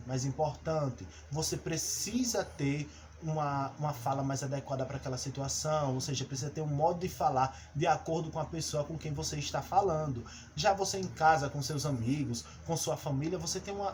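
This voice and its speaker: Here a man from Brazil teaches a recorded lesson, laying it out step by step while pausing on filler words and starting sentences over. Faint noise sits behind his slightly high voice.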